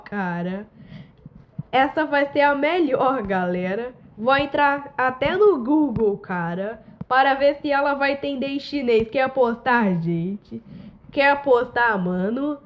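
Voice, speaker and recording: Slow, high-voiced Brazilian woman gamer. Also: highs cut off. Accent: Brazilian Portuguese. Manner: chatty, keeps calling on her audience. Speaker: mobile game player. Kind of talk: casual gameplay commentary.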